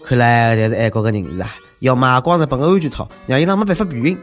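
A man's voice: mid-range voice, fast, soft background music. A man with a Shanghai accent hosting a comic news commentary, speaking in a sarcastic, mocking, conversational way.

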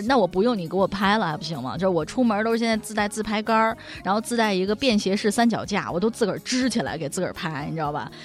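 A woman's voice: mid-range voice, a little mellow. A woman co-hosting a podcast, telling comic stories about her husband. She sounds exasperated and mock-complaining, and she laughs often. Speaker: podcast co-host. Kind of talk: casual chat, comic storytelling.

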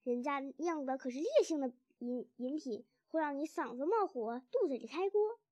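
Woman playing an excitable little boy fox, eager, high bright voice, dry sound. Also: moderate pace, no echo. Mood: delighted. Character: small excited young fox cub, male. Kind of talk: storybook reading.

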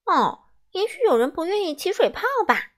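A woman's voice: big pitch swings, moderate pace. A woman voicing a fussy, haughty little girl character in a children's storybook, proud and complaining. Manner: proud and complaining, high and loud.

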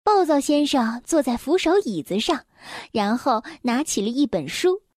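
A young woman reading a children's story aloud, gentle and expressive, speaking directly to the children. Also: high-pitched, moderate pace, no echo, clean studio sound.

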